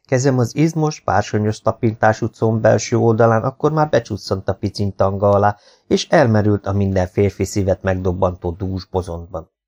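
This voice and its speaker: A man reading a first-person story as an audiobook narrator, in a steady, measured way. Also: on the low side.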